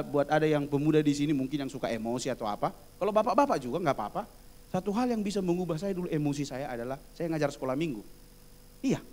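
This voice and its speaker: A man preaching a sermon in a high, lively voice that swings widely in pitch. He tells his stories with animated, laughing delivery and acts out the people he quotes. He sounds middle-aged. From Indonesia. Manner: frequent laughter.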